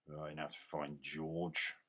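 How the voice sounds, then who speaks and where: A man giving casual gameplay commentary as a retro game reviewer, grumbling in exasperation and yelling at the game. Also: a bass voice, monotone, slow pace.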